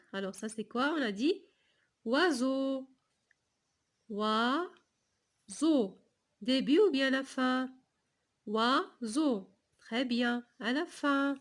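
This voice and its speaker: A woman teaching a reading lesson to young children, slowly repeating each sound, syllable and word. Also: high-pitched. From Morocco. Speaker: primary school teacher.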